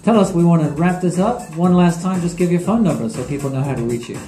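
A man's voice: on the high side, quick pace, mellow, roomy sound, faint music behind, low-quality recording. A middle-aged man co-hosting a business interview, playful and teasing with his guest, using a handheld mic. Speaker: co-host. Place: small studio set with couches.

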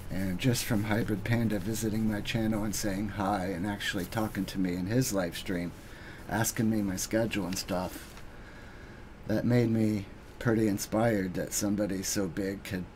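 A man giving an earnest, halting thank-you speech on his live stream, pausing often with ums. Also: lowish voice, a little mellow, slight background noise. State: getting emotional.

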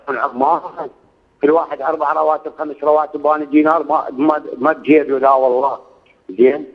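This radio caller is an Iraqi man in his sixties whose voice sits on the high side, with the highs cut off by the phone line. Speaking with an Iraqi Arabic accent, he pleads about his hardship, swearing oaths and saying the same things over again.

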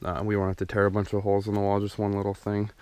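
Walking through his unfinished basement renovation with a handheld camera, a young DIY vlogger talks rapid-fire in a completely flat, lowish, darkish voice. He rambles casually, saying um a lot and restarting often. The sound is smooth, with no room sound, picked up by the camera mic as he moves.

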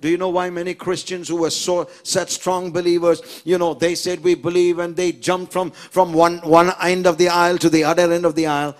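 A man preaching a sermon in short phrases, pausing for an interpreter and building to emphatic exhortation. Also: sits high, completely flat delivery. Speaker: pastor. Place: church service.

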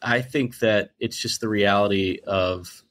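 A man in his forties, a podcast guest talking in an emphatic, animated way, sometimes acting out what people say. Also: lowish voice, a little slow. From United States. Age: 40s. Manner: emphatic, animated storyteller who acts out quotes. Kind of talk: conversational interview.

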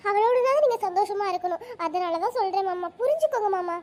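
A woman's voice: very high voice, expressive, quick pace. A woman voicing a scheming young wife in a cartoon, sweet on the surface and sly underneath. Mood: pleading. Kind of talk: cartoon voice acting.

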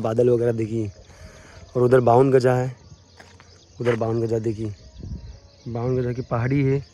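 A man's voice: mid-range voice, dark tone. Upbeat man giving a home tour vlog. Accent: Indian Hindi. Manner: chatty and upbeat, addresses friends. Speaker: vlogger. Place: outdoors and around a family house. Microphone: handheld phone camera.

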